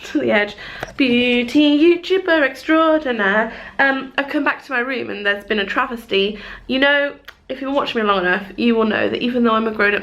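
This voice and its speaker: A woman's voice: on the high side, vocal fry, fairly bright tone, low-quality recording. A woman, chatting casually in a rambling, self-mocking vlog. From England. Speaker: vlogger. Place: hotel room, then outdoors in a city.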